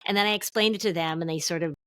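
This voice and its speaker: A middle-aged woman therapist, a guest on a podcast, explaining in an animated way and acting out what her clients say. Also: lowish voice, very fast, no room sound. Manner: animated, acts out quotes from clients. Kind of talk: podcast interview.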